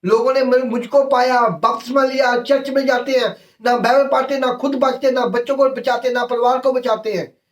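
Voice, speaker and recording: A man's voice: extremely high pitch, fairly even intonation, moderate pace, recorded from a distance. A male pastor, preaching a sermon in emphatic, repeated short phrases.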